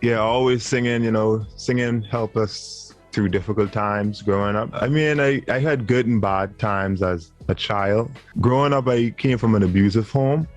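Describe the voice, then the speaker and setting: A Bahamian-accented man in his twenties is a guest on a video-call interview, speaking earnestly and laughing easily in casual chat. His voice is lowish, at normal speed with few pauses, over soft background music.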